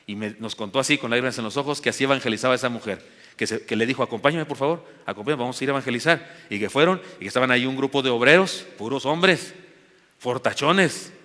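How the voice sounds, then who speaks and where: Speaking fast in a medium-pitched, bright and forceful voice, a pastor with a Mexican Spanish accent delivers a sermon. His earnest storytelling builds into emphatic exhortation, with the long reverb of a church sanctuary around him.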